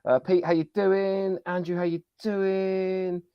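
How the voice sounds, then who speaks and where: A man with a fairly high voice hosts a casual live stream, upbeat and chatty as he greets viewers by name. His voice sounds dry and close, with dull, lo-fi stream audio. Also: flat delivery, takes it slowly, clean tone, no echo. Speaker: podcast host.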